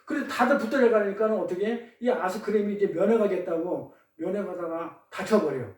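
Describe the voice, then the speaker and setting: High-voiced man preaching, echoey hall. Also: a little fast. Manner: questions the congregation, call-and-response; tells pun riddles. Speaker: pastor. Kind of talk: sermon. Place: church service. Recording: echoey room, distant mic.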